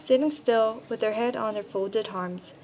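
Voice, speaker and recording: A young teenage girl from Korea carefully and earnestly reads her own personal essay aloud, telling it like a story. Her voice is a little high and darkish in tone, her pace is measured, and the recording is rough.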